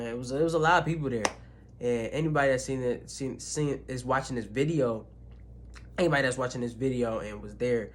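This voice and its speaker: A young man in casual vlog storytelling, sharing an emotional personal story in slangy speech with restarts and pauses. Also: mid-range voice. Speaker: vlogger. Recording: faint background noise.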